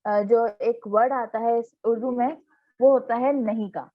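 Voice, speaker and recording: Patient woman teacher, slightly high voice. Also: steady tone, lo-fi sound. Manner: patient, explains step by step and checks in often; reads English examples slowly and deliberately. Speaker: English teacher. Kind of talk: classroom grammar lesson.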